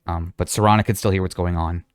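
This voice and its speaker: A man's voice: low voice, steady tone, quick pace, dry recording, studio quality. A man running a tabletop game as game master, talking casually with a rambling manner. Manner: casual, rambling, lots of fillers.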